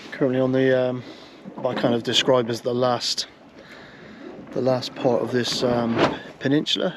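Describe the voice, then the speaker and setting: A man vlogging from a sailing boat at sea, chatty and relaxed, with plenty of ums. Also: mid-range voice. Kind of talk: casual on-board narration. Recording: wind and water noise on a boat.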